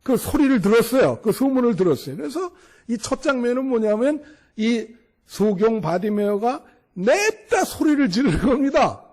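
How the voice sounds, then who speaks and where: Lively, high-pitched male pastor preaching. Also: moderate pace. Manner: animated storytelling, acting out the scene; asks the congregation for responses. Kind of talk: sermon.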